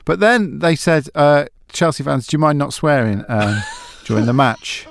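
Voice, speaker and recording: A man co-hosting a comedy podcast, telling animated stories, laughing and swearing as he goes. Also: a little high, moderate pace, gravelly, no echo, clean studio sound. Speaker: podcast co-host. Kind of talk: casual comedic chat.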